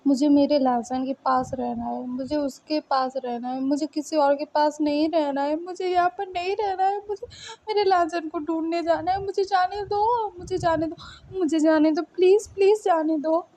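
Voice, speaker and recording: A woman's voice: sits high, moderate pace, darkish tone, lightly acted. A woman voicing a grief-stricken young man who pleads over and over, his tearful voice breaking as he begs to go find his lost love. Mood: pleading. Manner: desperate, pleading, repeating himself. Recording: dull lo-fi recording.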